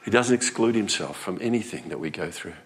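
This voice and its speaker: Low-voiced man preaching conversationally. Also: expressive, a little fast, husky. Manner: conversational preaching, with rising emphatic repetitions. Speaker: pastor. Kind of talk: sermon.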